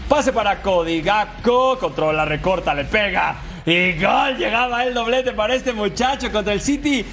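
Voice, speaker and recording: A man hosting a sports show, narrating football highlights with emphatic phrasing and chatty asides. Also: normal speed, fairly bright tone, slight background noise. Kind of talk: football highlights narration over match clips. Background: background music.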